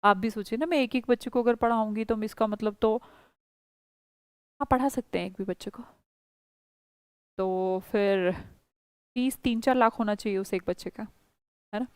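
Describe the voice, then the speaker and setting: A young woman with an Indian accent teaches a spoken English class in a high, clear voice. She coaxes and reassures her students, slipping English phrases into her explanations. The sound is dry and close. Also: normal speed, long pauses, dry recording. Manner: coaxing, reassuring, mixes English into speech.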